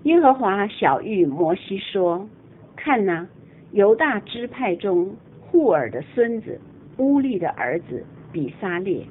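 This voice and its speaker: Slow, solemn woman reading scripture. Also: big pitch swings. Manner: measured, solemn recitation. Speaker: scripture reader. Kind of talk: slow Bible reading aloud. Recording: tinny phone-like audio with faint rumble.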